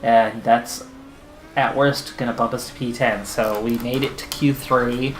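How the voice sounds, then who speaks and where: A man's voice: mid-range voice, fairly even intonation, unhurried, echoey room, low-quality recording. A man hosting a racing management game video, talking through his race strategy in anxious, pleading running commentary. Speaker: gaming channel host. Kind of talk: let's-play commentary.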